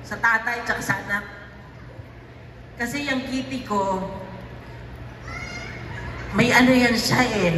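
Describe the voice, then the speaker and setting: A middle-aged woman giving a tearful personal speech to a gathering, halting often and restarting her sentences. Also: on the high side, bright, forceful tone, recorded from a distance, a little hiss or hum. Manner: halting, with many restarts and fillers. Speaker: speaker addressing a gathering. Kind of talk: emotional personal storytelling speech. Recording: echoey hall, voice picked up from afar.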